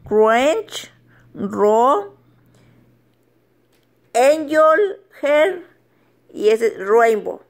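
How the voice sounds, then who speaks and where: Slow chatty woman, high voice. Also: big pitch swings. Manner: chatty, laughs often, stumbles over English words. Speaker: vlogger. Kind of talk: casual home vlog.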